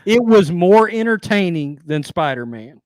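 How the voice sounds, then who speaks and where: A man's voice: high-pitched, big pitch swings, unhurried, darkish tone, dry recording. A man co-hosting a casual movie podcast, blunt and crude in a laid-back way. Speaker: podcast co-host.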